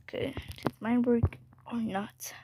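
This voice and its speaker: A woman giving casual game commentary, calling herself dumb and swinging from whispers to sudden yells. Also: a little high, steady tone, unhurried, vocal fry, noisy background. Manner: self-mocking, jumpy, drops into whispers and sudden yells. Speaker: gamer.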